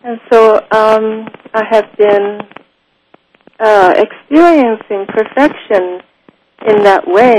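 Slow, thoughtful woman from Japan. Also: medium pitch, darkish tone, slight background noise, poor audio. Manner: slow, thoughtful, often pauses with ums. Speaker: guest. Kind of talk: unhurried spoken interview.

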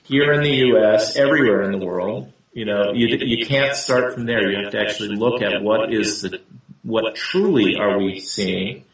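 A man's voice: fairly low pitch, normal speed. Guy explaining stuff in an interview, keeps saying right?, sounds far off in a really echoey room. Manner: frequently tags sentences with "right?". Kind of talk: conversational interview.

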